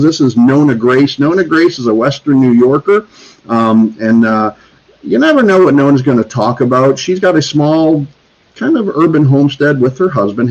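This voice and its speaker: A man's voice: mid-range voice, darkish tone. A man hosting a homesteading livestream, chatting casually with lots of fillers and restarts while reading out holiday cards. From Northeast Florida. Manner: rambling, many fillers and restarts. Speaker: homesteading channel host. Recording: slightly dull lo-fi sound.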